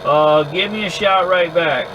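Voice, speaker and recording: A man having a casual two-way radio chat in an easygoing, halting way, often repeating words as he goes. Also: fairly high pitch, lo-fi sound. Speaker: amateur radio operator recording contacts. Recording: clear background hum and noise.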